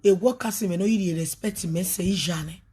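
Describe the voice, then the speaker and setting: Her voice is fairly low in pitch, mellow and breathy-edged, moving at a normal speed. As a ministry leader on a live video, she delivers an animated, preachy and emphatic talk in a mix of pidgin, English and a local language.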